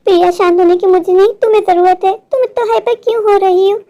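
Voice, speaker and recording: A woman's voice: very high-pitched, fairly even intonation, fast talker, dark tone, highs cut off. A woman playing a stubborn protective mother. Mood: scolding. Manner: insistent, scolding and devout. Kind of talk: storybook voice acting.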